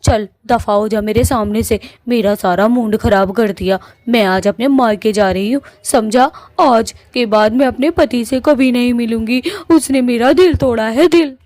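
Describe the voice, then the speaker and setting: A sulky cartoon witch wife, as a woman voices her, scolding in a fairly high voice. She sounds huffy and quarrelsome. The recording is dry and close. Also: moderate pace, few pauses, darkish tone, no echo, natural voice. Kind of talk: cartoon voice acting.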